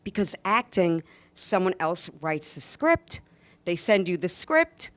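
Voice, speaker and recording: Appearing as a guest in a casual interview, this actress and stand-up comedian from New York sounds emphatic and enthusiastic. Her voice sits on the low side and is very animated, slow and a bit bright, with no echo.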